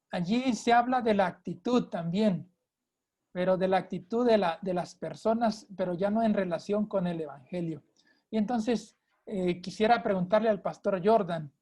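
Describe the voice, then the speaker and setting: Mexican lady moderating sabbath school, soft warm voice, calm. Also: medium pitch. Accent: Mexican Spanish. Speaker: lesson moderator. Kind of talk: Sabbath school lesson discussion.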